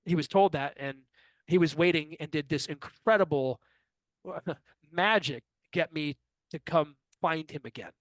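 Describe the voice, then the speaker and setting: Man in his fifties, fairly high voice, dry close sound, animated storyteller, interview guest. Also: unhurried, dry recording. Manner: animated anecdotal storyteller who acts out quoted dialogue.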